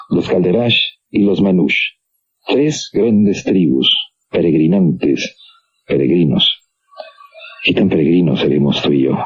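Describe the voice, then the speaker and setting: A man's voice: deep voice, husky. An older man with a Mexican Spanish accent, musing on a radio monologue and putting questions straight to the listener, from a dull lo-fi 1990s AM radio recording. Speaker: radio host.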